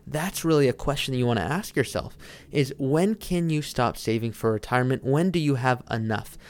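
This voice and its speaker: A man's voice: mid-range voice, normal speed. A man hosting a solo podcast as a financial planner, explaining directly to the listener and posing rhetorical questions. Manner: poses rhetorical questions and answers them.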